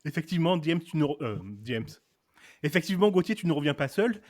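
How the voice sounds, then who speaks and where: A man's voice: fairly high pitch, lively intonation, fast talker, a little mellow. Playful French-speaking man hosting. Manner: playful, theatrical introductions. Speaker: podcast host. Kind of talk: casual chat.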